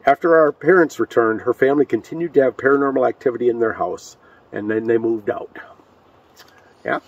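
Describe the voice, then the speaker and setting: A man from Michigan trades jokes and reads ghost stories aloud outdoors on a cold night. His voice is mid-pitched and slightly husky. He is picked up from some distance. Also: brisk, dry recording, lo-fi sound. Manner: chatty and jokey, with many fillers. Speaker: co-host of a ghost story show. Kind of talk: casual chat and reading ghost stories aloud.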